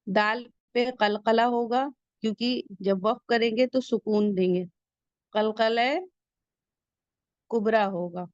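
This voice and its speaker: Woman recitation teacher, fairly high voice, patient step-by-step explaining, dry close sound. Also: steady tone, a little mellow, dry recording. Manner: patient, explains each rule slowly and repeats key points. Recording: dull lo-fi sound.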